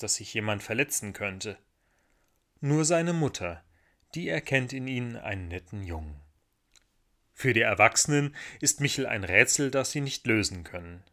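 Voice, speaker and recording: Gently and expressively, a man narrates a children's story, his voice sitting in the middle range.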